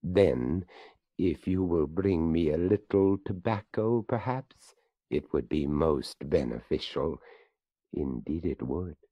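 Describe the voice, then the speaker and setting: A man's voice: a bass voice, animated, slow pace, slightly rough, no room sound, dull audio, exaggerated voice. A man voicing a courteous, formal old male skeleton in a storybook reading. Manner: formal, polite.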